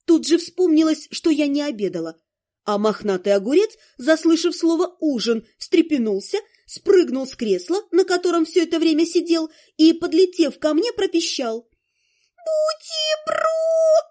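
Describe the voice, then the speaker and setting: Female audiobook narrator, high, mellow tone, expressive first-person read. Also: normal speed. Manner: expressive, animated reading.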